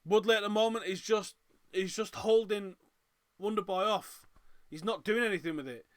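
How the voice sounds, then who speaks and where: A high-voiced man with a Manchester accent hosts a live fight watchalong at a moderate pace. He reacts in a chatty way, reads comments from his viewers, and gets loud and excited at the big moments.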